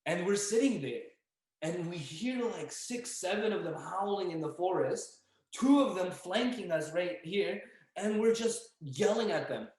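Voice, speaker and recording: A young man telling a story as a podcast guest, casual and animated, acting out the voices of the people in it. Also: sits high, measured pace. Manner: animated, acts out dialogue and yelling. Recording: echoey room.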